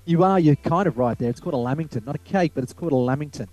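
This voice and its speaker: A man's voice: on the high side, rapid-fire, mellow, no echo, poor audio. A man with an Australian accent answering informally as an interview guest, enthusiastic and explanatory.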